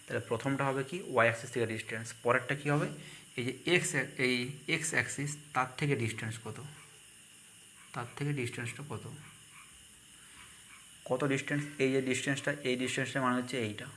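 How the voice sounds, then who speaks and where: Man, bright voice, math lesson, asks then answers, faint noise behind. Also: mid-range voice, steady tone, quick pace, long pauses. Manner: asks questions then answers them himself. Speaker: math teacher.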